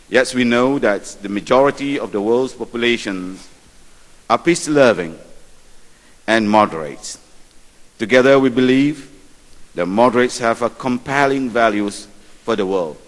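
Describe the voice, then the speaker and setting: A man moderating a formal conference session, introducing speakers in a measured way with light asides. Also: mid-range voice, a bit bright. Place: large conference hall. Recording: reverberant hall.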